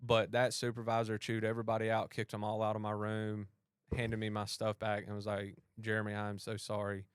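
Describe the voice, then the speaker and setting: Guy telling his story on a podcast, smooth voice, dry close sound. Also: lowish voice, brisk, no room sound. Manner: animated retelling, acts out both sides of a dialogue. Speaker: podcast host and police officer. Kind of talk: storytelling in a casual conversation.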